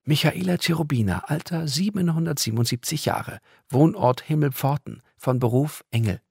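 Man doing a gentle female angel, ancient, polite, higher voice, storybook. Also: normal speed, creaky, slightly rough, dry recording, clean studio sound. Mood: calm. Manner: gentle, pleading.

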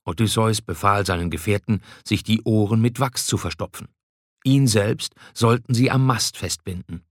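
A man narrating a scripted storybook in an even, measured way. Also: fairly low pitch, no echo, studio quality.

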